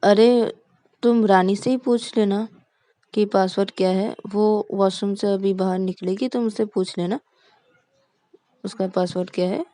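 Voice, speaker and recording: A woman voicing a calm, helpful young woman who speaks in a plain, matter-of-fact way. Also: mid-range voice, a little slow, no room sound, natural voice.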